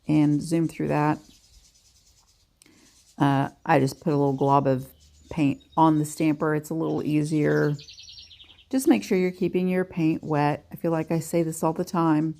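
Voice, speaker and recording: A woman's voice: sits low, fairly even intonation, unhurried, creaky, dark tone. A woman giving a chatty, self-deprecating nail art tutorial in a casual voice-over.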